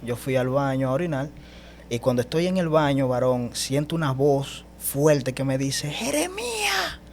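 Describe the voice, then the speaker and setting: A man giving an animated personal testimony as a guest, speaking emphatically and often calling the host brother. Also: mid-range voice, normal speed, slight background noise. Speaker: guest telling his testimony.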